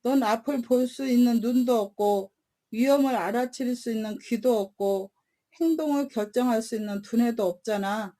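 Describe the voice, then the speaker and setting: A woman's voice: fairly high pitch, normal speed, dark tone, natural voice. A woman voicing a self-assured snake's head in a bedtime story, speaking in a scolding, patronizing manner.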